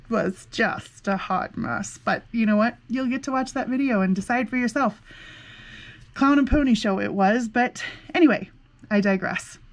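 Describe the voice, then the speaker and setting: A woman hosting a crafting vlog, chatting casually in a rambling, effusive and exclamatory way. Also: mid-range voice. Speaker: crafting channel host. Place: indoors at a desk with a laptop.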